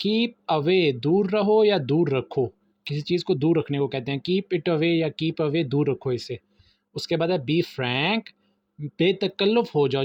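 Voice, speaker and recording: A man with a Pakistani Urdu accent gives an English vocabulary lesson in a fairly high voice. He reads each phrase slowly and then explains it. The recording is dry and a little muffled. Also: darkish tone, no echo. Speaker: English teacher. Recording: dry, slightly muffled voice-over.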